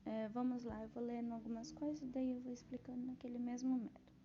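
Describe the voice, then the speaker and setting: A woman with a Brazilian Portuguese accent gives a casual grammar lesson, reading English examples slowly and explaining each one in a relaxed way with frequent tag questions. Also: on the high side, muffled recording, a little hiss or hum. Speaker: English teacher.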